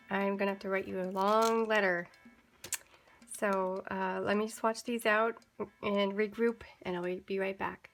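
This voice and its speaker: A young adult woman vlogging a casual unboxing of art supplies, gushing and excitable and often breaking into giggles. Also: mid-range voice.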